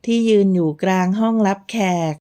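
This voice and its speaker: Woman reading a novel slowly. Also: medium pitch, dark tone, smooth. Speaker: audiobook narrator. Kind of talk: scripted narration of a romance novel.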